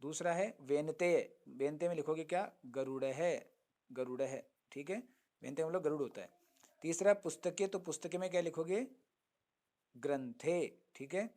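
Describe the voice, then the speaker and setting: A man teaching a Sanskrit lesson, chanting verses slowly, then explaining them and answering his own questions. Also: a little high, a little mellow. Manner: asks students questions and answers them himself. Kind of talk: online lesson.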